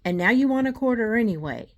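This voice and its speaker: A woman's voice: lively intonation, fast talker, lo-fi sound, close to an everyday voice. A woman voicing a haughty fairy queen who shrieks and snaps orders in a storybook reading. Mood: scornful. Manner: shrill, imperious, snapping.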